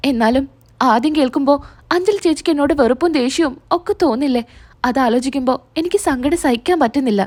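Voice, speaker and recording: A woman reading the lines of a gentle, caring young woman who softly pleads with her sister-in-law, in a high voice close to her own. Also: fast talker, close to an everyday voice. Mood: tearful.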